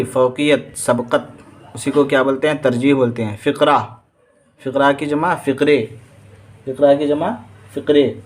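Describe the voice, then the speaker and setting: Teaching vocabulary for an exam, this man speaks in a mid-range voice with an Indian Urdu accent. Each word gets read along with its meaning, then repeated, and his students are quizzed on it.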